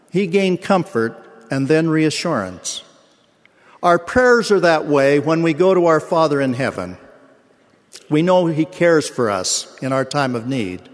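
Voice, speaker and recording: An older man delivers a sermon in a measured, earnest storytelling manner. His voice sits a little high for a man. The sound carries a long reverb from a large conference hall. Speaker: church speaker.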